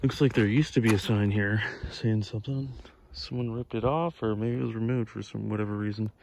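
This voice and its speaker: A man with a low, gravelly voice narrates his own hike in an easygoing, meandering way, with plenty of filler words. He speaks into a handheld camera mic as he walks along an outdoor trail. The recording carries clear outdoor noise. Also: steady tone, fairly quick, darkish tone. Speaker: vlogger hiker. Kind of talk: casual hiking vlog commentary.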